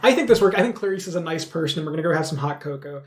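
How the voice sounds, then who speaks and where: A woman's voice: low-pitched, animated, very fast, a crowd in the background. A woman running a tabletop role-playing game in an easygoing, laughing way. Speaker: game master.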